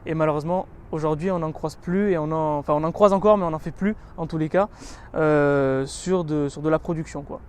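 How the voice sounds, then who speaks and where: Speaking fairly quickly in a clean-toned, fairly high voice, a car reviewer strolls around a vehicle and shows it off in a relaxed, chatty walkaround. Feature follows feature, tied together with many "donc"s and "euh"s, and he leans eagerly into the parts he likes.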